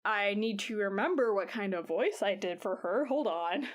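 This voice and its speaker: A woman running a tabletop game as game master, talking unhurriedly with lots of fillers. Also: mid-range voice. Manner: unhurried, full of fillers and laughs.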